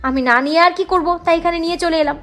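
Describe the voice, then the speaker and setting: Flustered young man, rushed explanation; a woman reads him. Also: very high-pitched, fairly even intonation, a bit bright, faint music behind, voice pushed up. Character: flustered young man who brought a fainted girl.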